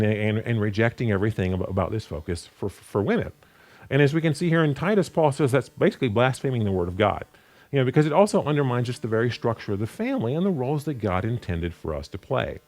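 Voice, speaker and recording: A man giving an unscripted Bible study sermon, often repeating words and restarting his sentences. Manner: animated pitch, rising sharply for emphasis. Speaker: Bible teacher.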